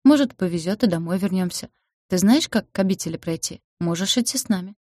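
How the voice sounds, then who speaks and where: A reserved young woman, matter-of-fact and restrained, read by a woman in an audiobook. Her voice is low and mellow, recorded very dry. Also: animated, fairly quick, dry recording.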